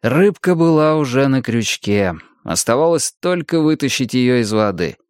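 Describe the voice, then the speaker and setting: Male audiobook narrator, measured reading, lively intonation, dry close sound. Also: medium pitch, clean tone, no echo.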